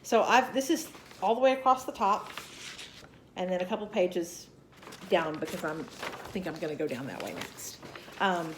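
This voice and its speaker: A woman with a Southern US accent and a fairly low voice chats to camera about her cross-stitch projects at a moderate pace, with lively intonation and frequent pauses. Her cold leaves her nasal and scratchy, and she rambles with fillers and asides.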